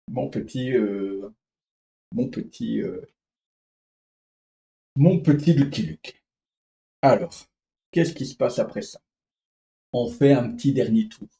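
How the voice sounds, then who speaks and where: Male vlogger telling a story, hesitant and rambling, warm tone, roomy sound. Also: fairly low pitch, expressive, slow, pauses often. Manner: rambling, hesitant, many fillers and restarts. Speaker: comics vlogger. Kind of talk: casual storytelling vlog.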